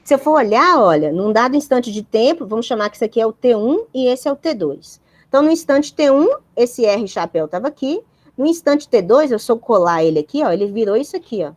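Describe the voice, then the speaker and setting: A woman's voice: fairly high pitch, big pitch swings, a little fast. A woman giving a university physics lecture, explaining step by step and checking in with her students.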